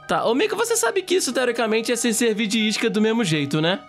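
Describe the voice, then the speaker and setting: A man's voice: extremely high pitch, animated, faint music behind. Man voicing a cocky, scheming young boy leader. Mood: mocking. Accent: Brazilian Portuguese. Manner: bossy, teasing, quick to panic. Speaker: channel creator. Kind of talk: Minecraft machinima voice acting.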